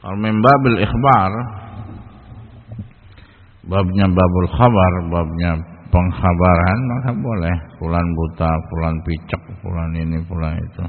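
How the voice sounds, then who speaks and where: A man delivers a religious study lecture, his gravelly voice leaping upward to stress a point as he mixes Arabic quotes with homely examples. The sound is thin and phone-like, with a long reverb trailing each phrase. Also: measured pace. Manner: explains with everyday examples, quotes Arabic texts; pitch jumps high for emphasis. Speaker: Islamic preacher.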